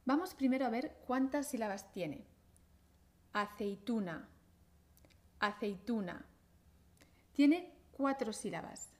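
A woman from teaching pronunciation in a podcast, repeating syllables slowly and clearly in an encouraging way. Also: high voice, expressive, mellow. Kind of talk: slow, careful pronunciation lesson. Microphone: podcast microphone.

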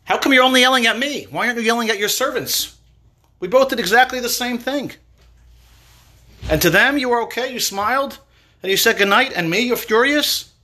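A man's voice: fairly high pitch, sing-song, moderate pace, sharp tone, slightly rough, exaggerated voice. A man voicing a young prince who pleads with his father the king. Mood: pleading. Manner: pleading, questioning.

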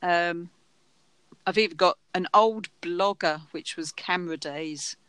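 British woman, podcast guest, relaxed chat, close dry sound, quick to laugh. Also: lowish voice, clear, resonant tone, dry recording. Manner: laughs often, easygoing. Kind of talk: casual chat.

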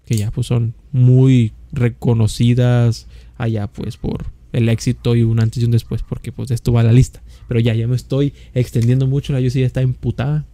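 Male podcast co-host, northern Mexican accent, relaxed dark tone, slangy, repetitive, wandering casual talk. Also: medium pitch, moderate pace. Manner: slangy, rambling, repeats himself. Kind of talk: casual chat.

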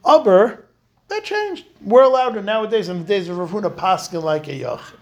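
A man's voice: sits high, expressive, brisk. A man teaching a Talmud class, emphatic, repeating key words for stress. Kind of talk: Talmud lecture.

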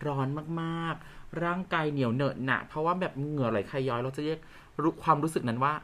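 A young woman from the Korat region co-hosts a casual podcast chat in a notably low voice. She is playful and teasing, and explains things calmly. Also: a little fast. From Korat region, Thailand. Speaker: podcast co-host, actor.

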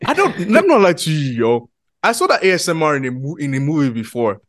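A young man banters in a casual podcast chat, quick to joke and poke fun at himself. His voice is plain and mid-pitched. The sound is dry, with no room echo. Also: big pitch swings. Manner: playful, joking, self-mocking.

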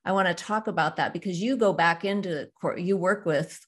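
A woman's voice: fairly low pitch, fairly quick. A woman hosting a podcast interview in a casual, conversational style. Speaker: podcast host.

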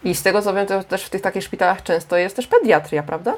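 A woman's voice: mid-range voice, fast talker. A woman co-hosting a podcast, chatting casually and thinking aloud with fillers. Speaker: podcast co-host.

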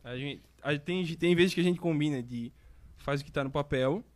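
A man in casual podcast chat, relaxed and tossing in joking asides. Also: on the high side, normal speed. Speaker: church musician on a podcast.

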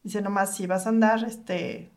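A woman's voice: mid-range voice, fairly even intonation, measured pace. A woman chatting casually, explaining things through her own experience. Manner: explanatory, personal storyteller. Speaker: podcast co-host. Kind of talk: casual group chat.

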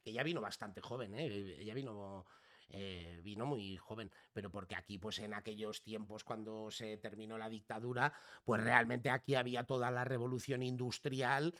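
A man from Girona, Catalonia, Spain, chats casually as a participant in a podcast conversation, his voice on the low side at a normal speed. He is relaxed and rambling, tags sentences with questions for the listener, peppers his speech with "¿sabes?" and "tío", and swears casually.

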